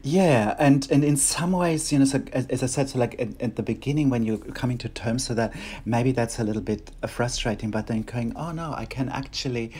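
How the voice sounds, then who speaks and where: A middle-aged German-accented man, a choreographer and dancer, is a guest in a casual interview chat, speaking English as a second language. His medium-pitched voice is a little mellow and slightly rough, and he talks fairly quickly but hesitantly, with many restarts and fillers.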